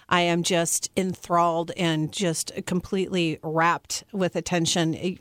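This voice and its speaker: A female host introduces and chats with her guest in a keen, casual way, often restarting her sentences. Her voice is dry and close, at a mid pitch. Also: dry recording. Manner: eager, halting with fillers and restarts. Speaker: podcast host. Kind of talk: casual interview hosting.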